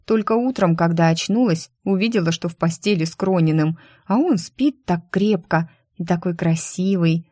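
A whiny, plaintive young secretary, nursing a hangover, as a woman puts her on for a storybook. Her complaints come out in a somewhat low voice. The recording is close and dry. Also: moderate pace, hardly any pauses, warm tone, no echo, close to an everyday voice.

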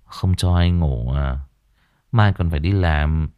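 A man's voice: rumbling low, takes it slowly, clear, resonant tone, no echo, dull audio, pitched below the performer's own voice. A man voicing a drowsy, surly young son who grumbles. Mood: sullen grumble.

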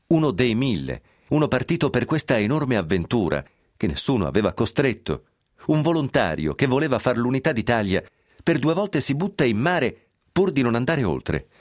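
In a radio studio, a man reads a scripted history piece with a wry, ironic edge and sly asides. His voice is medium-pitched and the sound is clean, with no room sound.

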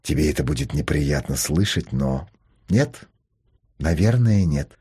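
A man's voice: very deep voice, animated, a little slow, dark tone, slightly rough, pitched below the performer's own voice, heavily acted. A man reading a novel aloud, voicing a guarded older father who mutters his replies. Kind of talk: audiobook character voice.

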